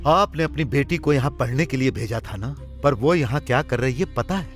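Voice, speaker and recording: A man's voice: mid-range voice, animated, normal speed, soft background music, natural voice. An actor dubbing a stern male college principal who lectures and accuses the parents. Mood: scornful. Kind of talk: Hindi film dub.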